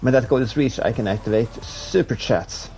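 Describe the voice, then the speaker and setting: In a rough recording with soft background music, a young man from Sweden speaks in a mid-range voice at a moderate pace with a Swedish accent. He's streaming a racing game, casually chatting with viewers in a relaxed, rambling manner, restarting as he plays.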